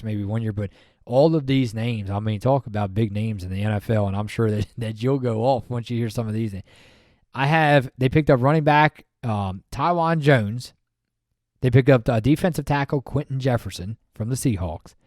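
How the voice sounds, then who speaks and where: A man co-hosting a podcast in casual sports chat, talking in an animated, rambling way with many fillers and restarts. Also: mid-range voice, no room sound, studio quality. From Maryland, USA. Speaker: podcast co-host.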